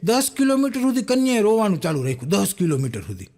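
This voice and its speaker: Brief: young man, high bright voice, stage comic doing characters in his jokes. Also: fast talker. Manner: animated storyteller acting out quoted characters. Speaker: stand-up comedian telling jokes. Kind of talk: Gujarati folk stage joke-telling. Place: live stage show with audience.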